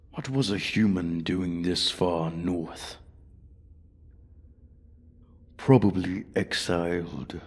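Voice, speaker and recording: A man performs an ancient, menacing and arrogant male dragon guarding his hoard in a slow, theatrical fantasy ASMR roleplay monologue. His exaggerated voice is deep, a little mellow and breathy, often falling to a whisper. The mood is scornful, and his manner is haughty, deliberate and coldly threatening.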